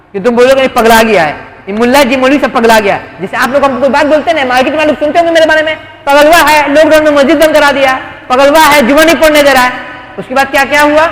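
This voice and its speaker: A man delivers a sermon in a very high voice. He tells stories, acts out the dialogue and asks the listeners rhetorical questions. The sound is roomy, with a long echo from a large hall. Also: fairly bright tone. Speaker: preacher.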